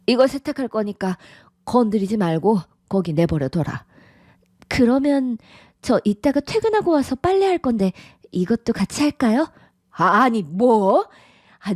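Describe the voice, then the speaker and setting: A woman's voice: fairly high pitch, dry recording, clean studio sound. A synthetic voice of a middle-aged woman playing a domineering, contemptuous widowed mother who nags and scolds in a radio drama. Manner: nagging, sighing, sharp scolding. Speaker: disapproving mother-in-law.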